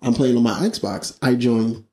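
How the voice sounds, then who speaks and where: Man, podcast co-host, casual chat, animated storytelling, echoey room. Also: mid-range voice. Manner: animated storyteller, quick, repeats words.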